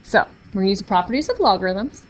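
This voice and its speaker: This muffled classroom clip, with faint noise, has a woman lecturing on math at a very fast clip. Her medium-pitched voice has lively intonation, and she's upbeat, playful, and encouraging with her students.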